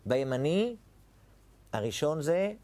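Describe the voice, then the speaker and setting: A man's voice: a little high, big pitch swings, mellow. A man teaching a Torah lesson as a rabbi, speaking animatedly with rhetorical questions and little acted-out dialogues. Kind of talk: Torah lecture.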